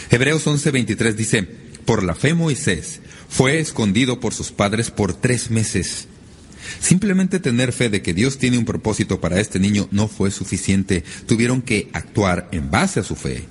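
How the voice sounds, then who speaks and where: Lively low-voiced man preaching a sermon. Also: husky. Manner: lively, emphatic preaching with sudden rises in pitch. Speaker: pastor.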